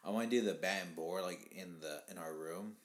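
A man's voice: low voice, fairly quick. A young man chatting casually with his wife for their vlog, laid-back and hesitant, with lots of fillers. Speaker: husband in a couple's vlog. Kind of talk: casual chat.

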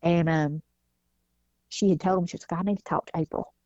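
A woman talks through a personal story in an easy interview, slipping into the voices of people she quotes. Her voice sits low and mellow. The recording is dull and lo-fi, with a dry, close sound. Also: fairly even intonation, fairly quick, dry recording. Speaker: guest, mother. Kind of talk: casual interview talk.

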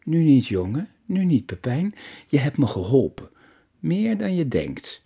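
A man voicing a lonely, grieving old widow who speaks gently and reflectively, in an audiobook story. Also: a little high, sing-song, measured pace, creaky, husky, voice pushed up, exaggerated voice. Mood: resolved.

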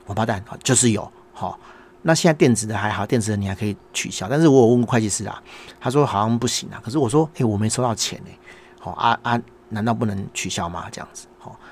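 A middle-aged man with a Taiwanese Mandarin accent, hosting a casual monologue and telling an exasperated story while acting out the dialogue. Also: fairly low pitch. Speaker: podcast host, small business owner.

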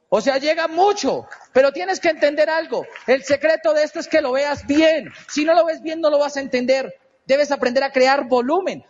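A man's voice: extremely high pitch, darkish tone, in a large hall, lo-fi sound. A man giving a motivational business seminar talk, emphatic and repetitive, with rhetorical questions. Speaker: business speaker.

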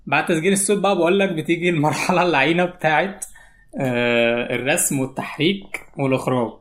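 A man's voice: on the high side, fast talker, a bit bright. An Egyptian man speaking in natural, unscripted casual talk as an interview guest, explaining things step by step. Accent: Egyptian Arabic. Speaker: interview guest, YouTube animator.

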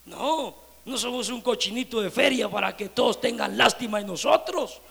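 A man preaching a sermon as pastor, dropping to quiet murmurs and rising to loud shouts. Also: very high-pitched, moderate pace, creaky, slightly rough, big-room sound. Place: church.

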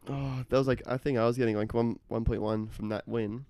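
A man's voice: mid-range voice, steady tone, fairly quick, darkish tone, no echo. A young man chatting casually about competitive gaming, brash and boastful, swearing freely. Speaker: competitive gamer. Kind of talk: casual chat.

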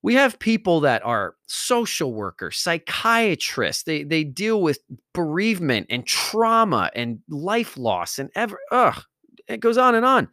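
A man's voice: on the high side, big pitch swings, unhurried, bright, forceful tone, no echo, studio quality. A man hosting a podcast, delivering an emphatic motivational monologue and repeating phrases for stress. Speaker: podcast host.

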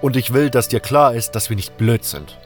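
A man's voice: mid-range voice, moderate pace, faint music behind, natural voice. A stern, suspicious gate guard, as a man voices him.

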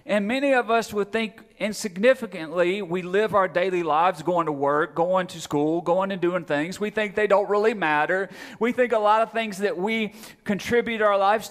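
A man's voice: high-pitched, a bit bright. A man preaching a sermon to his congregation, asking questions and repeating phrases for emphasis. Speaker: pastor. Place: church hall. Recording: long hall reverb.

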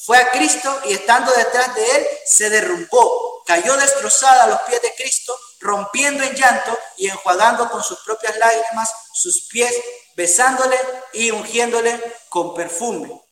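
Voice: medium pitch, measured pace, fairly bright tone, far from the mic. A preacher delivering an earnest sermon to a congregation he calls beloved brothers and friends. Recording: roomy hall, voice from afar.

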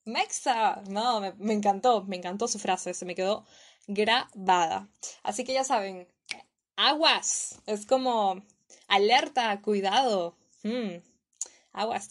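A young Peruvian woman with a Peruvian Spanish accent teaches slang in a playful, casual vlog style, repeating each word to drill it in. Her voice is medium-pitched.

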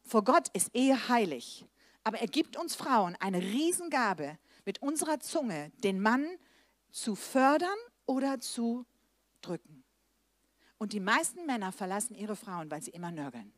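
A middle-aged woman evangelist preaching a lively sermon, swinging between loud emphasis and soft, low asides. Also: measured pace, no echo.

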